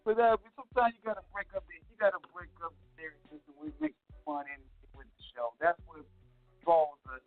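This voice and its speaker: A man's voice: sits high, sing-song, fairly quick, no room sound, faint music behind. Radio host, male, laid-back and slangy, calling in on a thin, dry phone line that keeps breaking up. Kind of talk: casual phone-in interview.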